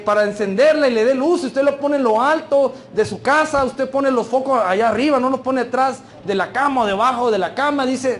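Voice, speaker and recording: A man with a Mexican accent preaching a fervent sermon as pastor, often addressing the congregation as brothers and checking in with "right?". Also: very high voice. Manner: conversational, asks "right?" after points.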